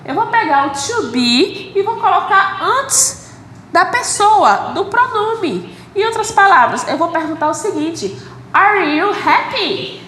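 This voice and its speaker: A high-pitched woman with a Brazilian Portuguese accent teaches a recorded English lesson, explaining slowly and patiently. She checks in with her students after nearly every point. The room is echoey, with a faint hiss underneath. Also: very animated, fairly bright tone.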